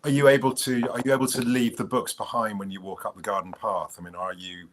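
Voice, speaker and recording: A man's voice: fairly low pitch, level tone, quick pace, background noise. A man working as an interviewer, putting questions in a casual, conversational way.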